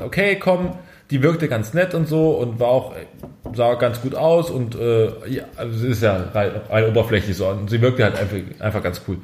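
A man's voice: medium pitch, a little mellow, reverberant. A man hosting a podcast, telling a long story in casual chat and rambling through restarts. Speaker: podcast host.

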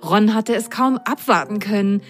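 A woman reading a children's bedtime story aloud in a gentle, unhurried storytelling manner. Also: mid-range voice. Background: faint music.

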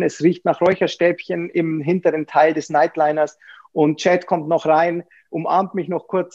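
A man's voice: fairly high pitch, vocal fry, darkish tone. Laughing, self-mocking man with a dull sound. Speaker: podcast guest. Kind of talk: casual interview talk.

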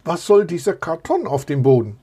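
A man's voice: a little high, very animated, normal speed, dark tone, slightly rough, voice pushed up. A man doing a commanding young princess. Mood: questioning. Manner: questioning, commanding.

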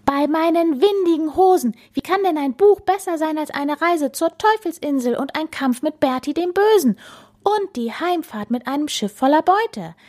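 Brief: boisterous bearded storybook pirate captain played by a woman, blustery, pitched high, lively. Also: moderate pace. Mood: blustering. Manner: loud, blustering.

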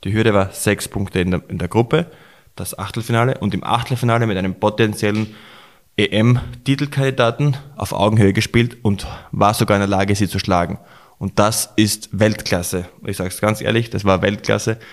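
A hoarse man, hosting a sports recap podcast and talking in a rushed, emotional way. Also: on the low side, fairly even intonation. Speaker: podcast host.

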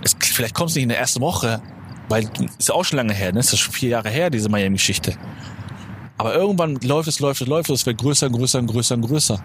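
A German podcast host in his twenties rambles casually through a slangy motivational monologue outdoors near a supermarket, correcting himself as he goes. His mid-range voice is quick and lively in intonation. Traffic and street noise come through clearly.

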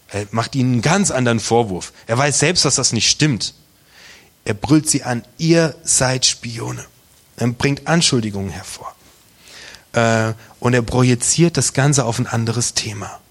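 Husky man preaching emphatically. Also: mid-range voice. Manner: emphatic, rhetorical questions, swings between loud and hushed. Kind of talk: sermon.

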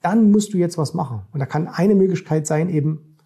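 A man's voice: a little high, a little fast, vocal fry, warm tone, husky. A middle-aged man, a finance coach, talking casually to camera and keeps checking in with the viewer. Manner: direct, keeps addressing the viewer with "ne?" and "So.". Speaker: finance and stock-market coach.

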